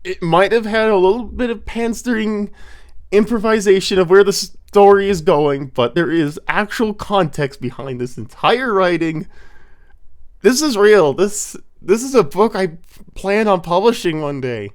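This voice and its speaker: An author dramatically reads his own funny prose in a theatrical style, frequently cracking up with stifled laughter. His high-pitched voice is expressive and unhurried, with a slight congestion from blocked sinuses.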